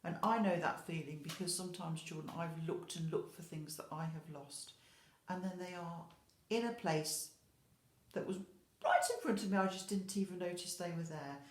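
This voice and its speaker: A fairly low-pitched woman reads a story to young children at a moderate pace, bringing expression to the picture book and speaking to them directly with questions and asides. She teaches at an infant school. The audio has an echoey, roomy indoor quality.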